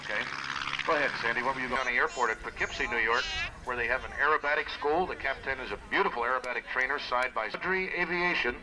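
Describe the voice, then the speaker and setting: A man's voice: mid-range voice, fast talker. A man giving folksy live airshow commentary, counting off and calling out maneuvers as they happen. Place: outdoor airshow. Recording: noisy outdoor PA with aircraft engines. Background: propeller aircraft engine noise.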